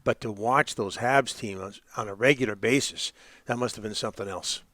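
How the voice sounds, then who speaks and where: A man's voice: lowish voice, fairly quick, a bit bright, dry recording. A man from western Canada co-hosting a sports radio show, chatty and friendly. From Vancouver area, Canada. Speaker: radio co-host. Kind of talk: casual sports talk.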